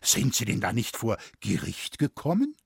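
A man's voice: lowish voice, huge pitch swings, moderate pace, vocal fry, slightly rough, no echo, clean studio sound, full character voice. A man voicing a naive, easily frightened city schoolmaster who speaks properly and stammers when shocked. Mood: anxious. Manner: fussy, stammering, proper speech.

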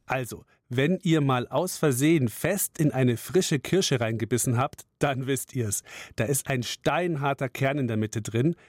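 A man's voice: medium pitch, unhurried, a little mellow, dry recording, clean studio sound. A man hosting the quiz part of a children's audio show, chatty and friendly as he talks to the children. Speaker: quiz host.

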